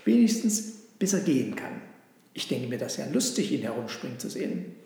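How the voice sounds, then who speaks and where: A small sheep teases and needles in a raised voice, as a man puts her on. It is a storybook reading with a gravelly grain. The sound rings through a large hall with long reverb. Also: medium pitch, very animated, a little fast, mellow. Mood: pleading. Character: small sharp-tongued sheep, gently mocking.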